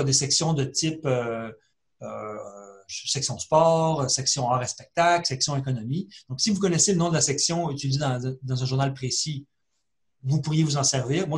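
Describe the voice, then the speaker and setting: A man, a librarian, talks through a screen-share tutorial in a conversational way, full of fillers and restarts. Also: mid-range voice. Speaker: librarian giving a webinar.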